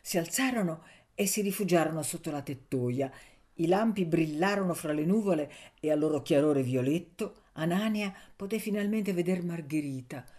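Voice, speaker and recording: A woman narrating a novel as an audiobook with measured storytelling. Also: fairly low pitch, expressive, dark tone.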